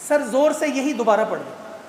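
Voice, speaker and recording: Speaking as the invited guest at a Quran completion event, this man keeps the mosque crowd engaged with animated, teasing rhetorical questions. His pitch is extremely high, and the audio from the large hall echoes with long reverb plus a faint hiss or hum.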